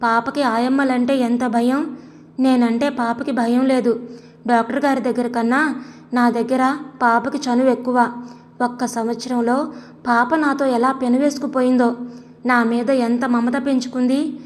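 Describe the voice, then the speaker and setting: A woman voicing a tender young caretaker in an audio story, brooding slowly over her thoughts. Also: a little high, level tone, natural voice. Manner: slow, brooding inner monologue. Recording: long echoey reverb.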